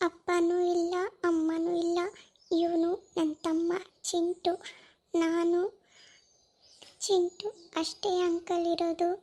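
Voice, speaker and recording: Woman plays a very high, flat little cartoon girl, an orphan and careful older sister. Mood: sad, pleading. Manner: slow, soft and pleading. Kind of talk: cartoon voice acting.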